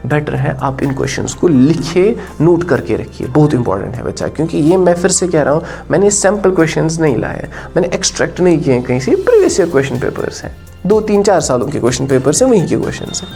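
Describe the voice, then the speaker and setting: Lively man teaching an exam lesson. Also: a little high, fast talker, gravelly, faint music behind. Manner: addresses students as "bachcha", mixes English and Hindi, lively.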